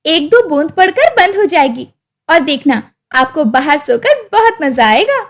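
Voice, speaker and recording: A woman's voice: high-pitched, big pitch swings, unhurried, heavily acted. A woman voicing a scheming, cruel young daughter-in-law in a storybook tale, talking in a sly, scolding way.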